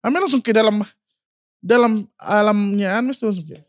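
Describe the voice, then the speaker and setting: A man's voice: sits high, moderate pace, dry recording, studio quality. Young man telling an emotional story. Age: 20s. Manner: emotional, refers to himself by name, many fillers. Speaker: singer guest. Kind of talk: personal storytelling.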